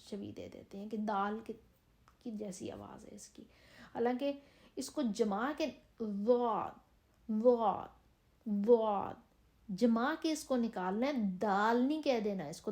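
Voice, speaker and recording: A woman teacher with a Pakistani Urdu accent, explaining letter sounds patiently in short phrases and stretching out slow model words. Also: medium pitch, dark tone. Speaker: Quran reading teacher. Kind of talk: step-by-step pronunciation lesson.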